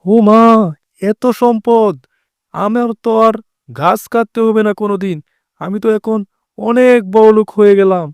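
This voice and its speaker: A man voicing a good-hearted poor woodcutter fox, a devoted husband, in an earnest, expressive cartoon style. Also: high voice, moderate pace, clear, resonant tone, no echo, studio quality, natural voice. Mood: amazed. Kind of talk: cartoon voice acting.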